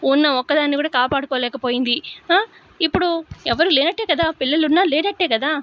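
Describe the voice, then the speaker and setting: A woman's voice: high-pitched, a little fast, dull audio, close to an everyday voice. Woman voicing a taunting, defiant young woman.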